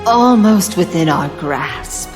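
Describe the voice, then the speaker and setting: Slow, sly anime villainess. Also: female voice, lowish voice, expressive. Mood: teasing, sly. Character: languid, teasing villainess, composed and sly. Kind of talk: anime dub acting. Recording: long reverberant hall, music behind.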